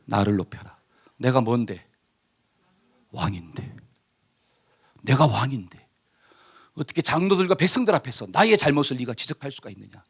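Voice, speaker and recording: A man's voice: medium pitch, animated, moderate pace, pauses often, breathy edge, pitched below the performer's own voice. A man voicing a haughty proud king. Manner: arrogant, self-important. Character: proud, haughty male king demanding honor.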